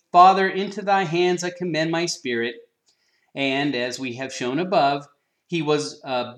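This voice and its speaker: A man delivers a sermon in a slightly higher-than-usual voice, reading a commentary aloud. He leans hard into each scripture quote and stops often with an "uh" before going on. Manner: earnest, with emphatic swells on scripture quotes and frequent "uh" pauses. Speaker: preacher.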